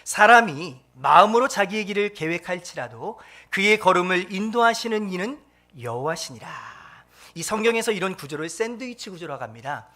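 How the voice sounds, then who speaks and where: A man's voice: sits high, sing-song, moderate pace, pushed and bright. A male pastor preaching a sermon in church. He keeps asking the congregation questions and repeating the key point back to them. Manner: quizzes the congregation with call-and-response questions. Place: church sanctuary.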